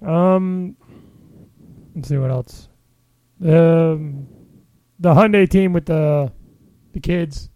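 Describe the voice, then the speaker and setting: A man's voice: fairly high pitch, very slow, pauses often, dark tone, dry recording. A man co-hosting a podcast in casual chat, easygoing and retelling things with filler words. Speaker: podcast co-host.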